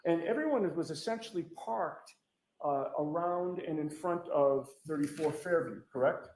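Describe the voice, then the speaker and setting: A man's voice: a little high, lively intonation, moderate pace, darkish tone. A man questioning a witness as defense attorney, firing pointed leading questions that end in "correct?". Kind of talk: courtroom cross-examination. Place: courtroom. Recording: echoey courtroom.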